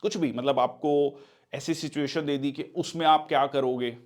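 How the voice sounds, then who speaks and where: A man teaching interview body language, mixing Hindi and English and filling pauses with "theek hai" as he demonstrates gestures. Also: a little high, steady tone. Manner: demonstrates gestures while explaining. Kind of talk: interview coaching lecture.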